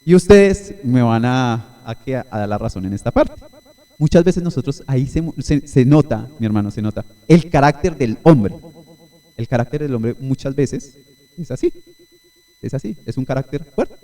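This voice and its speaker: A man's voice: mid-range voice, expressive, moderate pace, mellow. A male pastor preaching a Sunday sermon at a church service, teaching in an explanatory way and often checking in with his listeners.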